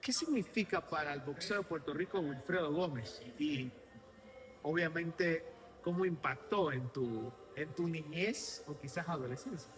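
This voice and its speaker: Man, interviewer, bright tense voice, slightly high. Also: unhurried, soft background music. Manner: lively, promotional, asks long questions. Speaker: interviewer host. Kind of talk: sports interview.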